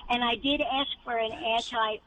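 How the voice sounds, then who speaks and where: A woman's voice: on the high side, fairly even intonation, normal speed, a crowd in the background. A woman caller on a clipped phone line from her car, rambling through details to a radio advice host. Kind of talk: call-in radio talk. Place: inside a car.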